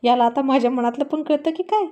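A woman's voice: sits high, quick pace, dark tone, highs cut off, natural voice. A woman voicing a sweet-voiced, easily flustered young woman in a storybook narration.

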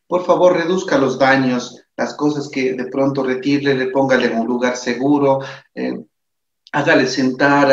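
A man's voice: mid-range voice, slight background noise. A man with a tired voice, giving an earnest recorded lesson on psychology and often checking in with his listeners. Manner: earnest, repeats himself, asks "¿de acuerdo?". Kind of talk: recorded lecture over slides. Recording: echoey room, dull lo-fi sound.

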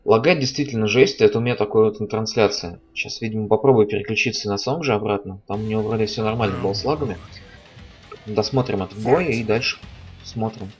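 A man's voice: lowish voice, fast, dull audio. A man giving live commentary on a fighting game stream, as a stream commentator. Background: game music and sound.

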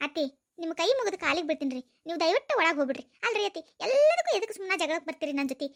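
A woman's voice: extremely high pitch, big pitch swings, racing, full character voice. A woman with a North Karnataka accent playing an exasperated, defensive young daughter-in-law in a village comedy sketch. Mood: pleading. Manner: pleading, defensive.

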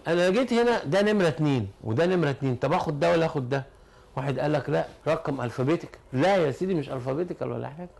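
A man's voice: a little high, animated, rapid-fire, vocal fry, a little mellow. A man with an Egyptian Arabic accent teaching chemistry, who explains step by step and asks and answers his own questions. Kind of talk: classroom lesson.

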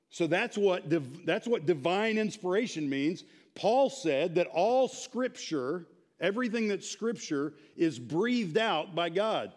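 A man in his thirties teaching a church class in an animated, informal way, quizzing the group. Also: fairly high pitch. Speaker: Bible teacher. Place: church sanctuary, speaking to a small audience.

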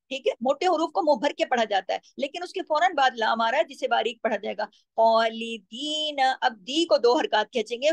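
A high-voiced woman gives a patient recitation lesson, breaking words apart and stretching them slowly as she demonstrates. Her voice is close and dry, with no room sound around it. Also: no room sound. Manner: patient, explanatory, slows to drawn-out chanted demonstrations of words. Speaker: Quran recitation teacher.

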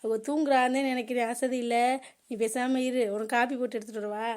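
A woman's voice: on the high side, fairly even intonation, fairly quick, natural voice. A woman voicing an exasperated, dismissive sister-in-law in a cartoon comedy.

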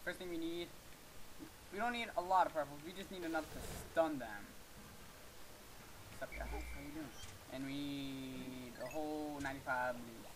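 A young man giving casual let's-play commentary, excitable and swearing, yelling at his game. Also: fairly high pitch, slight background noise, low-quality recording. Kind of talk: gaming commentary.

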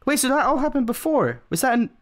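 A man giving excited let's play commentary, giggly and full of exclamations. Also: very high-pitched, fast talker.

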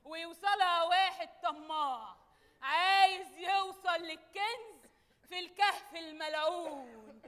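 A scheming, exasperated evil sorceress with an Egyptian accent and a broad theatrical villain delivery. Her voice is extremely high and bright, ringing through a large echoey theatre in a stage comedy. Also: unhurried. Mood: dramatic storytelling.

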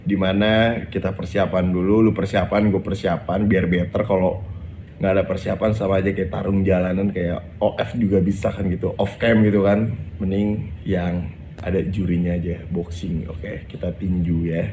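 A man's voice: low-pitched, level tone, normal speed, mellow, a little hiss or hum. A man, a content creator, casually explaining a feud in blunt, defiant slang. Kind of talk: casual video clarification.

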